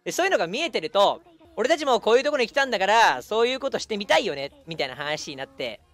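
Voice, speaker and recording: A young man chatting casually as a streamer, telling a long story in an animated way and acting out the people in it. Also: sits high, very fast. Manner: animated, acts out quoted people.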